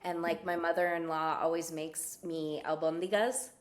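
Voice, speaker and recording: A woman's voice: on the low side, little pitch movement, normal speed. A woman from California, a professor talking as a podcast guest in a casual, rambling way, filling her speech with "like" and "you know, right?". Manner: chatty and digressive, full of "like" and "you know, right?".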